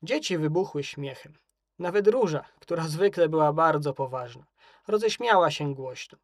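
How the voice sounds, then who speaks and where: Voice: mid-range voice, expressive, normal speed, slight background noise. A narrator reading a children's story aloud.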